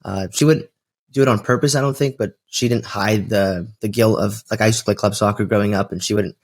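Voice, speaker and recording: A man's voice: fairly low pitch, fairly even intonation, a little fast. A twenty-year-old American man, a podcast guest speaking casually with many fillers. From United States. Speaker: guest, real estate investor. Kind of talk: interview storytelling.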